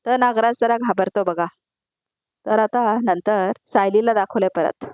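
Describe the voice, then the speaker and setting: A woman's voice: mid-range voice, moderate pace, darkish tone, smooth, no room sound. A woman narrating a voice-over recap of a TV serial, chatty and talking straight to the viewers. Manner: chatty, addresses viewers directly.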